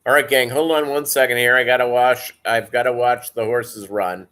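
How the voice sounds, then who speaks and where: A man with a deep Southern American accent chatting casually as a livestream host, rambling and halting as he talks to viewers. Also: fairly even intonation, a bit bright. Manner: rambling, halting delivery, reading and answering viewer comments. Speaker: live stream host.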